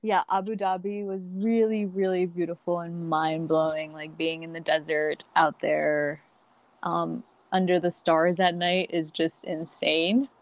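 A woman's voice: on the low side, flat delivery, measured pace, dry recording, lo-fi sound. A young woman from Colombia, a podcast guest chatting casually and laughing easily with many fillers. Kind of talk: casual interview.

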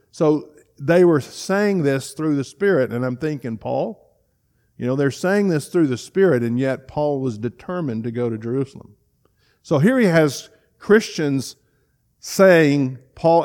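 A middle-aged man preaching in a church, earnest and emotional, often halting and restarting his sentences. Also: fairly high pitch, expressive, darkish tone. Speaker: pastor. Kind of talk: sermon. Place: church sanctuary.

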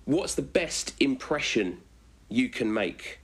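A young man hosting a casual chat on a video call, relaxed and full of ums and uhs. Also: medium pitch, slow, background noise. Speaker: host.

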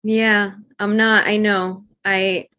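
Bright-voiced woman from Cuba, chatty. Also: medium pitch, flat delivery, slow. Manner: agreeable, chatty. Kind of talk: casual video call chat. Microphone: video call.

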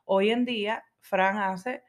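A woman in her thirties in easygoing podcast conversation, mid-pitched and animated. She tells stories briskly and slips into the voices of the people she quotes. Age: 30s. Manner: lively storyteller, acts out dialogue. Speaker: podcast co-host. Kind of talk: casual chat.

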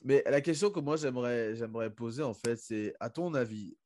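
A man's voice: medium pitch, normal speed, darkish tone, no echo, clean studio sound. A man from the Republic of the Congo hosting a podcast, speaking hesitantly with fillers while making a case for his guests. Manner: hesitant, many fillers and restarts, advocating. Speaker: podcast host. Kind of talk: casual interview talk.

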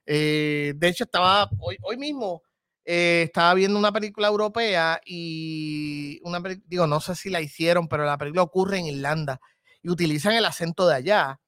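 A man with a Puerto Rican accent, a podcast guest who talks about film in a relaxed, hedging way and slips English words into his Spanish. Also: a little high, normal speed, clear, resonant tone, dry recording, studio quality. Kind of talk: casual conversation.

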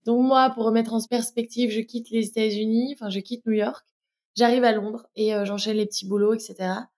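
A woman's voice: a little high, steady tone, fairly quick, a little mellow. A woman from France with a French accent, a brand co-founder speaking candidly in a casual interview, with frequent hesitations. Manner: many fillers and restarts, candid.

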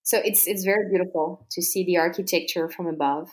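A woman's voice: lowish voice, steady tone, fairly quick. Chatty French woman, laughing often. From France. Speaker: interview guest. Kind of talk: casual conversational interview.

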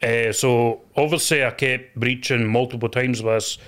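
Male podcast guest, broad Scottish accent, middling pitch, casual, emphatic, repetitive and sweary. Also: steady tone, moderate pace, a bit bright. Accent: broad Scottish, west of Scotland. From Scotland. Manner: sweary, emphatic and repetitive, often tagging "you know". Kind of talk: casual interview storytelling.

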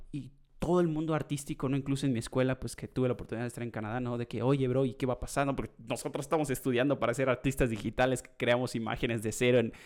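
A young man hosting a podcast, chatting casually and rambling with many fillers and asides. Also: mid-range voice. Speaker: podcast host.

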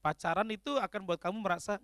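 Animated high-voiced man with speech. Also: fast, no echo, clean studio sound. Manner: animated, joking, acts out quoted people. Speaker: speaker addressing a congregation. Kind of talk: humorous sermon-style talk.

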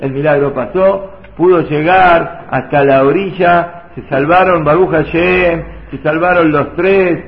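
A man's voice: fairly high pitch, steady tone, a little slow, creaky, few pauses. A man with a Rioplatense Spanish accent, a rabbi telling a sermon story in an emotional, sing-song, repetitive way. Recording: echoey, tinny phone-like audio.

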